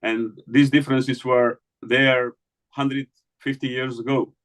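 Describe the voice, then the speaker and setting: A man from the Balkans talks through ideas in an academic interview. His voice sits at a medium pitch. He pauses often, filling gaps with hesitations and restarting his sentences. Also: little pitch movement, a bit bright. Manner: hesitant, many fillers and restarts. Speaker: interviewed scholar. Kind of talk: academic conversation.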